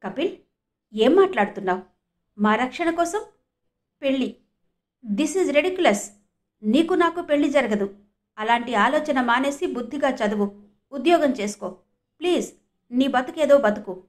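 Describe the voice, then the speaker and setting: A firm, principled young woman who speaks sharply and with conviction, read by a woman. Her voice sits fairly high in an audio storybook. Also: expressive, a little slow, long pauses. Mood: indignant. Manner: sharp, scolding.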